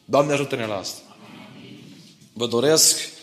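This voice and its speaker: A middle-aged man delivers a sermon at a medium pitch. He moves between family stories and scripture and keeps turning to the congregation for agreement. His voice echoes through a reverberant church hall. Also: fairly bright tone. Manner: personal stories mixed with Bible teaching, asks listeners for agreement. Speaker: preacher.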